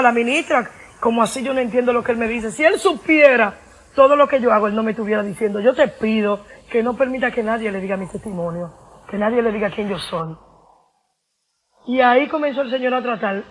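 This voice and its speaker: A woman, giving an emotional personal testimony, earnest, repeating phrases and acting out the voices in her story. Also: a little high.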